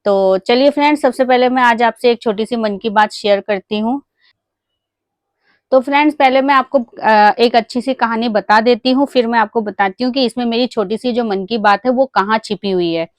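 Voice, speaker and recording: A woman vlogger telling a moral story to her viewers in a chatty, casual way, full of small fillers, and she briefly acts out a child's excited calls to her mother. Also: on the high side, normal speed, dry recording. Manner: chatty, addresses viewers as friends, many fillers.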